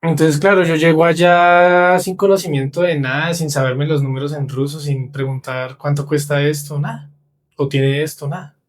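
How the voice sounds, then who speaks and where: Young Colombian podcast guest, lively storyteller, slightly high voice, acts out the people in his anecdotes. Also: normal speed. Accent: Colombian Spanish. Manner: animated, acts out quoted voices. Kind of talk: casual storytelling.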